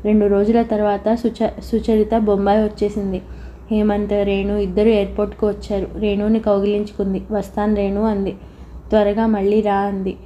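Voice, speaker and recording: A woman reading a novel aloud as an audiobook narrator, in a steady, even storytelling voice. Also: medium pitch, moderate pace, lo-fi sound, a little hiss or hum.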